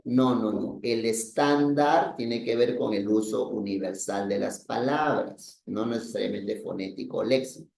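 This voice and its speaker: A man's voice: lowish voice, unhurried, vocal fry, few pauses, darkish tone. A man teaching a language class, explaining patiently, repeating himself and often checking with "¿no?". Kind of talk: language lesson. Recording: echoey room.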